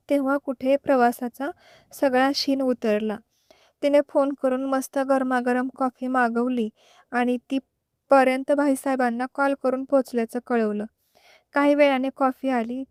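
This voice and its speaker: Woman storyteller, steady unhurried narration, slightly high voice, close mic. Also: clean tone, no room sound.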